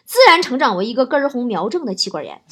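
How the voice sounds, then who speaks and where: A woman spins comic anecdotes, building each one to a punchline. Her fairly high voice swoops animatedly up and down. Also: quick pace, a little hiss or hum. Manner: lively, punchline-driven. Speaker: comic storyteller.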